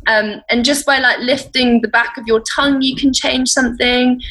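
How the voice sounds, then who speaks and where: A woman's voice: sits high, fairly even intonation, normal speed, a bit bright, poor audio. Chatty woman with fillers. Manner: chatty, rambling with fillers and restarts. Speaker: guest podcaster. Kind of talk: casual interview chat.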